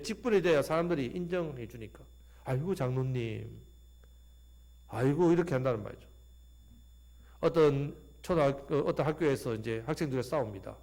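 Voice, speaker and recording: A man preaching a Sunday sermon as pastor, animated and fond of acting out quoted voices. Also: fairly high pitch.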